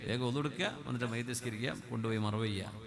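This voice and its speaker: A man delivers a sermon at a middle pitch. He rises to loud, emphatic peaks, drops into quick, hushed asides, and lilts into chant for scripture. A large crowd can be heard clearly behind him. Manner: swings between loud emphatic passages and quick, quiet asides; chants scripture in a sing-song lilt. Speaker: Islamic preacher. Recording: speech with a crowd audible behind.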